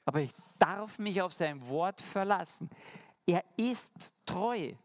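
A man with a high voice and lively intonation preaches a sermon, switching between quick asides and slow, emphatic lines. He puts rhetorical questions to the congregation.

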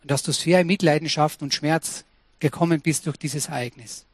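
A man's voice: a little high, steady tone, moderate pace, dry recording. A man preaching a sermon, earnest and personal, speaking directly to his listeners. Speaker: pastor.

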